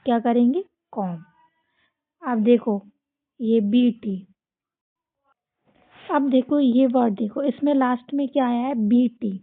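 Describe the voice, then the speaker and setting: A woman with an Indian accent teaching a children's phonics lesson, drilling words slowly and asking the children to repeat after her. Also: a little high, no room sound. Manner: slow, drilling repetition with call-and-response questions. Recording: tinny, phone-like dry sound.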